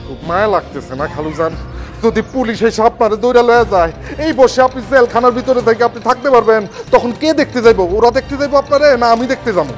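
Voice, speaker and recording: A man's voice: very high-pitched, fast talker. An actor playing a young male house caretaker, fussy and scheming, speaking in an anxious way. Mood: fretful. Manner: anxious, calls everyone uncle-in-law. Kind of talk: TV comedy drama. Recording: music bed under dialogue.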